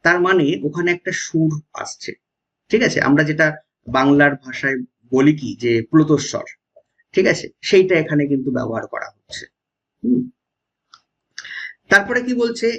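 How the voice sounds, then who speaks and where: Male exam-prep teacher with a West Bengal Bengali accent, husky and fairly high, keeps asking "okay?", muffled lo-fi audio. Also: animated, moderate pace, long pauses, a bit bright. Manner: explanatory, often checks with "ঠিক আছে?". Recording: dull lo-fi sound.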